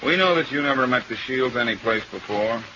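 A man's voice: medium pitch, lively intonation, brisk, lightly acted. A muffled, noisy old radio recording of a man acting a suspicious beat cop turned detective. He is blunt and clipped, firing tough questions in 1940s crime drama style. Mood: probing, stern. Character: blunt, suspicious small-town police detective, former homicide man.

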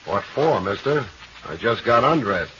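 A noisy, muffled vintage radio recording. a hardboiled private eye with a lowish voice, dry and sardonic, never rattled, in 1940s detective drama style. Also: male voice, very animated, a little slow, a bit bright. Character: wisecracking, unflappable hardboiled private investigator.

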